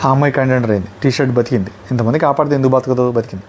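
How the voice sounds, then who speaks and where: A man's voice: medium pitch, very fast, a little hiss or hum. A man with a Telugu accent giving a casual review of a reality show episode, retelling it animatedly and acting out what people said. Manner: animated retelling, mimicking contestants' lines.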